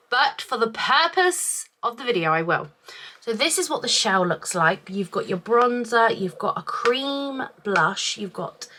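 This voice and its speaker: Chesty, bright-voiced woman chatting through makeup. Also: mid-range voice. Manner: chatty, thinking aloud. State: chesty from a week-long cough. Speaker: beauty vlogger. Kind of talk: casual product review chat to camera.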